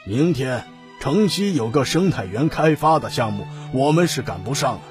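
A man's voice: mid-range voice, sing-song, normal speed, faint music behind, close to an everyday voice. A man playing a scheming, domineering older family patriarch in an audiobook drama, with a commanding, dismissive way of talking.

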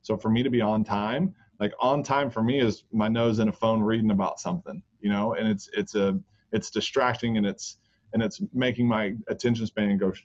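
A man's voice: on the low side, steady tone, moderate pace, a little mellow. A man in his thirties, a golf coach co-hosting a podcast, chatting casually with lots of restarts. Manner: rambling, frequent restarts and fillers. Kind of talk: casual chat. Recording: dull lo-fi podcast audio.

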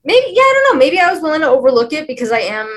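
Lively woman podcast co-host. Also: high-pitched, racing. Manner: animated, laughs often, self-described film nerd. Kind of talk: casual film discussion.

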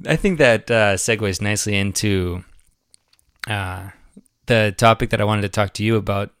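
A man with a low, grounded voice hosts a podcast in a loose, conversational style. He rambles and laughs easily as ideas take shape. His voice is dry and close, with hardly any room sound. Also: normal speed, a bit bright, clear, resonant tone, no echo. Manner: rambling, enthusiastic, laughs often. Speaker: podcast host. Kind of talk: casual conversational interview.

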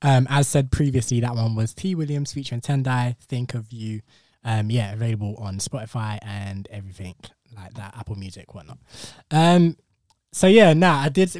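A man's voice: mid-range voice, darkish tone, dry recording, studio quality. A man with a London accent and urban roadman slang, hosting a casual podcast chat. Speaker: podcast host.

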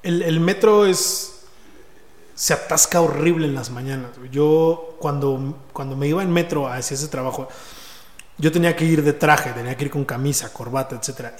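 A man's voice: on the high side, normal speed. A man with a Mexico City accent telling a personal story in casual, slangy speech, often repeating and restarting words. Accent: Mexico City Spanish. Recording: echoey room with long reverb.

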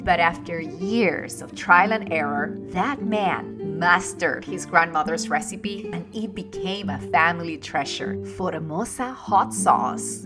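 A woman reading a scripted podcast intro and ad in an upbeat, promotional way. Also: medium pitch. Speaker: podcast host. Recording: voice over guitar music.

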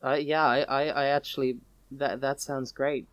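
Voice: medium pitch, little pitch movement, moderate pace, clear, resonant tone. A player in a casual tabletop role-play, speaking hesitantly with stammering restarts.

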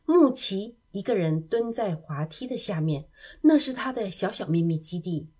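A woman narrating a children's story in a soft, gentle, expressive way. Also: mid-range voice, moderate pace, husky.

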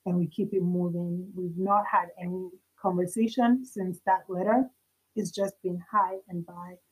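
A woman's voice: fairly low pitch, steady tone, measured pace, breathy edge, low-quality recording. A young adult woman, a podcast guest, earnestly telling a personal faith story in conversation, acting out the dialogue as she recounts it.

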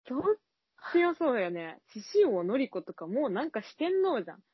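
A woman's voice: a little high, sing-song, normal speed, slightly rough, no echo. A young woman co-hosting a casual chat show, giggling often and stumbling over sounds when she imitates them. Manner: giggly, stammers while mimicking sounds. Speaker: podcast co-host. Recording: dull lo-fi recording.

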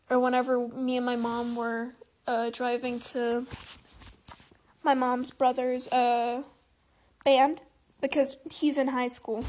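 Woman, slightly raised pitch, soft-spoken and hesitant, confessional personal monologue. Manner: halting, many fillers and restarts. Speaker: vlogger.

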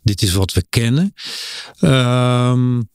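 Male host, middle register, thoughtful but halting, hunts for words, dry studio. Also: medium pitch, expressive, darkish tone, clear, resonant tone, no room sound. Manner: hesitant, many filler sounds, searching for words. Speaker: podcast host. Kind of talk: podcast interview.

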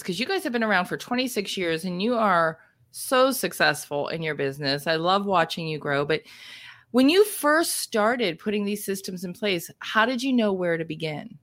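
A woman's voice: medium pitch, a bit bright. A woman from Ohio hosting a podcast interview, upbeat and conversational, laughing often with her guest. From Ohio, USA. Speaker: podcast host.

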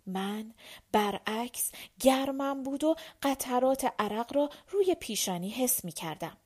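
A woman narrating an audiobook in a measured, even storytelling manner. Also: on the high side. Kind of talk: scripted narration.

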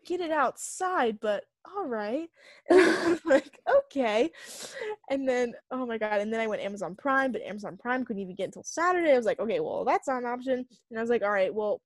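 A young woman with a fairly high voice rambles through a story as a podcast co-host, leaning on fillers and lively retellings. The sound is close and dry, with little room around it. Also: brisk, no room sound. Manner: chatty storyteller, filler-heavy, animated retelling. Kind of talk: casual chat.

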